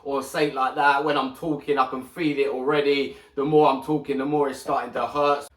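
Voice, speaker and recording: A man hosting a boxing podcast in casual, animated talk, swearing freely and speaking with a slight lisp from a sore mouth. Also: mid-range voice, brisk, distant mic. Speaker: boxing channel host. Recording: echoey room, mic set back.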